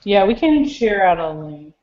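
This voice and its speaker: A woman's voice: mid-range voice, very animated, unhurried, a little mellow, dry recording. A woman who works at a library makerspace, talking casually on a video call with many fillers. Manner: chatty, many fillers, laughs. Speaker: library makerspace staff member. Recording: dull lo-fi video call audio.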